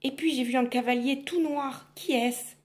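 A woman voicing a timid young peasant girl in a storybook reading, soft and pleading. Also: high voice, steady tone, normal speed, pitched above the performer's own voice, natural voice.

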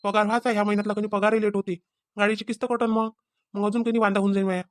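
Woman voicing a fast-talking cartoon husband. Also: medium pitch, level tone, dry recording, clean studio sound, natural voice. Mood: anxious. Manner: fast, pleading and questioning. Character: young husband short of money.

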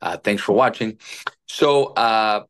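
Interviewed casually over a phone video call, this guest is a retired Marine officer from Venezuela, in his forties. Polite, earnest and full of fillers, he talks slowly in a fairly low, bright voice with lively intonation. The phone is at arm's length in an indoor room, with slight background noise.

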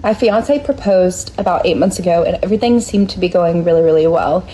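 A woman's voice: on the low side, brisk, mellow, slight background noise, rough recording. A woman calling in for advice, telling her story in an earnest, distressed way. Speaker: caller asking for advice.

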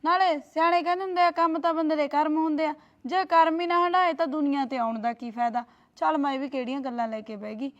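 A woman's voice: sits high, quick pace, a bit bright, muffled recording. A woman playing a sly young sister-in-law who coaxes and needles. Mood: needling. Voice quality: coaxing, needling. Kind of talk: short family drama.

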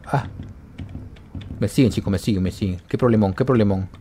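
A man giving excited commentary on a horror game, yelping and repeating words when scared. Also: lowish voice, brisk, slight background noise. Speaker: gaming YouTuber.

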